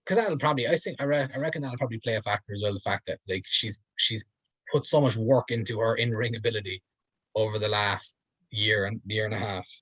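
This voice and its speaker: A man's voice: lowish voice, brisk, fairly bright tone, slightly rough, dry recording. A man, co-hosting a podcast, talking in a rambling, hedging way full of fillers. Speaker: podcast co-host. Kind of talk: casual chat. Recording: dull lo-fi dry sound.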